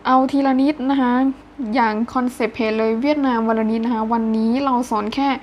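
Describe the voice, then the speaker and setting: A young woman teaching a casual language lesson, speaking politely and ending her phrases with soft particles. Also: on the high side, steady tone, fairly quick, a little hiss or hum. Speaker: Vietnamese language teacher, page admin.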